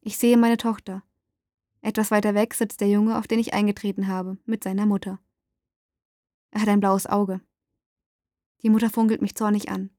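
A woman narrating a first-person story aloud, dramatic and rising to shouts in the dialogue. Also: medium pitch, level tone, normal speed, pauses often, no echo, clean studio sound.

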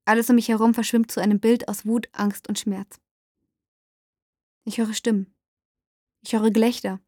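A woman narrating a first-person story aloud, dramatic and rising to shouts in the dialogue. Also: fairly high pitch, little pitch movement, normal speed, no room sound, clean studio sound.

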